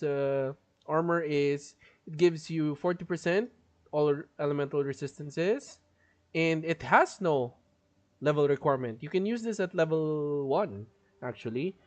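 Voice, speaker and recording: Over dull audio, a man with a higher-side voice streams a game live, chatting and laughing often as he explains his build. He sounds strained and is holding back a cough.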